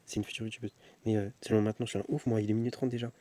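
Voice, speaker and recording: A young man races through a casual vlog he's filming on his phone at home at night, rambling, mocking himself and often repeating words or starting over. His voice is fairly low and warm, with little pitch movement.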